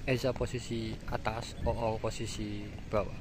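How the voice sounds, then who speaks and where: A man's voice: on the low side, level tone, a little slow. A man giving live play-by-play commentary on a match, calling it in short, repetitive phrases. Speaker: kite-fighting match commentator. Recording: loud outdoor ambient noise.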